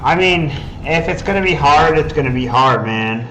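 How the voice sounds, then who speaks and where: A man's voice: fairly high pitch, moderate pace, slight background noise, low-quality recording. A man streaming a game, chatting casually and sounding tired from the late hour. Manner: relaxed, chatty, questioning. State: tired, yawning. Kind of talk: casual gaming chat.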